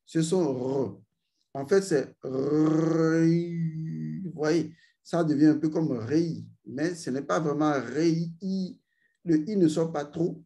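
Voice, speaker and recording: A man teaching a spiritual ritual, speaking slowly and intoning drawn-out vowel sounds for his students. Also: a little high, mellow. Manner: addresses learners directly, repeats "vous voyez". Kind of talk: esoteric ritual instruction.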